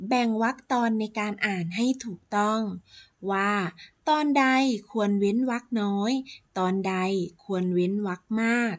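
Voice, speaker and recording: A woman teacher reading a lesson for children in a slow, careful way. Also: medium pitch.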